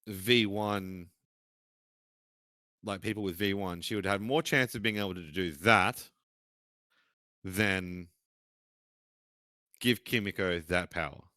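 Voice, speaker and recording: A man's voice: low-pitched, slow, pauses often, sharp tone, no echo. A man co-hosting a casual chat, blunt and swearing often, trailing off mid-sentence. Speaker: podcast co-host.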